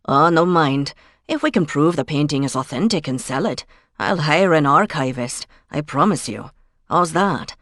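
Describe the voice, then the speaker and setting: A woman's voice: low voice, lively intonation, moderate pace, a bit bright, no echo, clean studio sound. A woman narrator voicing an easygoing, joking heir to an old estate in a cozy mystery audiobook, with a light, teasing manner. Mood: amused, reassuring.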